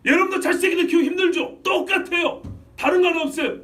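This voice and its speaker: A male pastor preaching a sermon, firing rhetorical questions and swinging between loud outbursts and low asides. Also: fairly even intonation, fast talker, distant mic. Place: church sanctuary.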